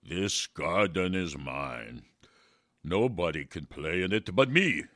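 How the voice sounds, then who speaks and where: A man reading aloud, voicing a gruff, selfish male giant in a children's storybook, slow and stern. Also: extremely low pitch, lively intonation, bright, forceful tone, no echo, studio quality, full character voice. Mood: angry.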